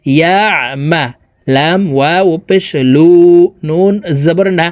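A man teaching Quran reading, spelling verses out letter by letter and chanting them slowly. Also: fairly high pitch, dry recording, clean studio sound. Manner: slow, drawn-out syllable-by-syllable spelling with melodic recitation.

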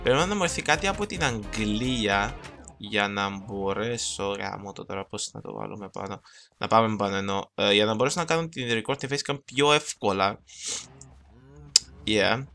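A young man giving casual gameplay commentary, talking fast and rambling, switching into English phrases and mocking himself. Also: on the low side, creaky, sharp tone, soft background music. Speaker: gaming channel host. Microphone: desktop mic, no camera.

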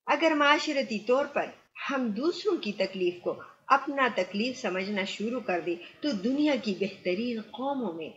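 A woman's voice: on the high side, lively intonation, fairly bright tone. A woman narrating a moral story and addressing viewers earnestly. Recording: muffled lo-fi recording.

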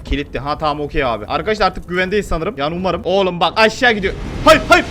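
A man doing horror game commentary, joking and shouting in panic at the characters on screen. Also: fairly high pitch, racing, a little hiss or hum. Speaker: gaming YouTuber. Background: game music.

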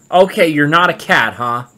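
A woman with a low voice plays through a video game and talks over it in a loose, casual way. Her pitch swings widely as she reacts, and she swears without a second thought. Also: sharp tone. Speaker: let's play gamer. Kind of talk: casual gameplay commentary.

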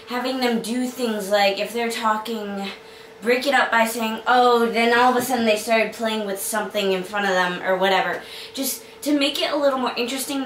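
A young woman with a slight Boston lilt and a fairly high voice talks through writing tips in a chatty, upbeat way, full of ums and restarts. She sits back from the mic in an echoey room with a faint hiss behind her. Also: a bit bright, distant mic. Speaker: young adult novelist giving writing tips. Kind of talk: casual tutorial talk to camera.

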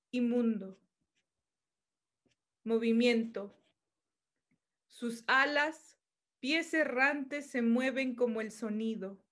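A woman reading her own poem aloud in a calm, measured lyrical recitation. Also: on the high side. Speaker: poet. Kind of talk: poetry reading.

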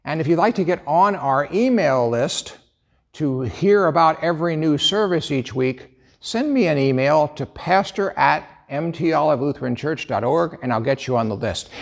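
A man's voice: fairly high pitch, creaky. An older American man, a pastor giving church announcements in a conversational way, speaking straight to viewers. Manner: conversational, addressing viewers directly. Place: church sanctuary.

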